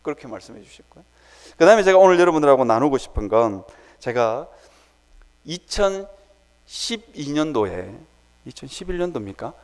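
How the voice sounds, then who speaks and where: Male preacher, sermon in a church sanctuary, high voice with a very lively pitch, animated storytelling, long church-hall reverb. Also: moderate pace, long pauses. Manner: animated storytelling, acting out his own prayers.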